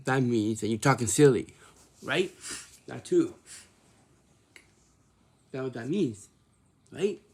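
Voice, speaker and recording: A man's voice: medium pitch, lively intonation, slow pace, pauses often, a little mellow, slightly rough. A man in his twenties talking casually to the camera, repeating himself and answering his own questions. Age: 20s. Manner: repetitive, asks himself questions and answers them.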